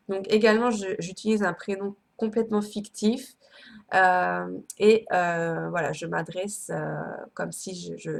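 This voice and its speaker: A woman coach and psychologist guiding an emotional tapping session, with frequent hesitations and affirmations repeated in a steady rhythm. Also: medium pitch, gravelly. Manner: hesitant, many fillers. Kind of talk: guided EFT tapping session.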